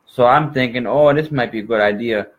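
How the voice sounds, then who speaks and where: A man's voice: medium pitch, brisk, rough recording. A man from Minnesota with an exaggerated Minnesota accent, chatting as an interview guest in a folksy, rambling way. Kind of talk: casual interview chat.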